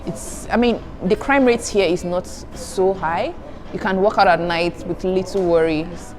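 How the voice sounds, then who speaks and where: Unhurried and slightly dark in tone, the lowish voice belongs to a young Nigerian woman, an Igbo speaker, answering questions on her student vlog. Music plays underneath, with slight background noise. She's chatty, giggling between answers and addressing viewers as "guys."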